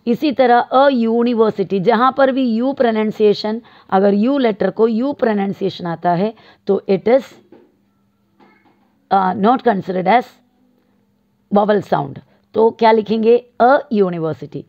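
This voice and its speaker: A woman teaching a grammar lesson, explaining slowly and drawing out example words as she switches between two languages. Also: medium pitch, dull audio. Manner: slow, drawn-out explanations mixing Hindi and English. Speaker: English teacher.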